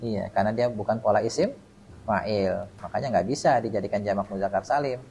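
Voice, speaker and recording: A man's voice: on the low side, a little fast, gravelly, a little mellow, breathy edge, low-quality recording. A man teaching Arabic grammar at a mosque study session, quizzing students by name and leaving words unfinished for the class to complete. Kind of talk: classroom lecture with call-and-response drilling.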